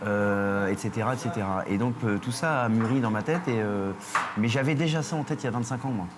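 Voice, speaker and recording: A man's voice: lowish voice, fairly quick, background noise. A middle-aged man from France who runs a surf school, talking in a casual interview, hesitant with many fillers and restarts.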